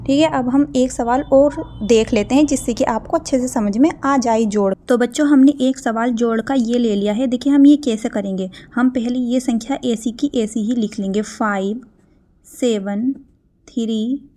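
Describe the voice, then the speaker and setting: A woman with a slightly high, mellow voice teaching a math lesson to children. She explains each step patiently and keeps checking that the kids understand. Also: normal speed, few pauses.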